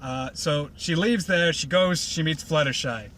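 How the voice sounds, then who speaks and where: A man's voice: fairly high pitch, measured pace, fairly bright tone, a little hiss or hum. A man casually retelling a cartoon episode in a rambling, sarcastic way, full of fillers, while riding in a car.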